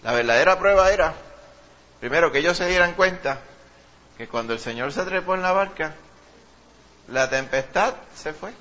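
A man preaching a lively sermon, calling his listeners brother. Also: fairly high pitch, moderate pace, pauses often, dull audio. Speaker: pastor.

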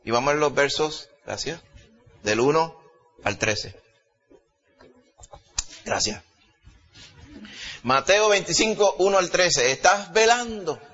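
A man's voice: on the high side, pushed and bright. A man with a Puerto Rican accent, a pastor preaching and praying aloud in a church service with emphatic delivery and earnest petitions. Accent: Puerto Rican Spanish. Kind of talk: sermon and spoken prayer. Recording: dull lo-fi recording.

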